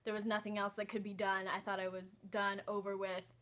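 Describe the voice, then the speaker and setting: Bright-voiced young woman telling a story. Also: mid-range voice, little pitch movement, a little fast. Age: young adult. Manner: hesitant, many "like" and "um" fillers. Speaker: vlogger. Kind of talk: casual storytime vlog.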